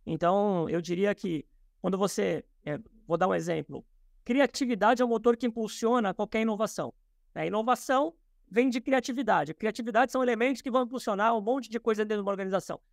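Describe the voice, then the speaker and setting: This Brazilian man appears as a podcast guest via video call from his office, giving explanatory interview talk in a thoughtful way, with frequent fillers and restarts. His voice sits high and carries vocal fry, and he speaks at a quick pace, with no echo and clean studio sound.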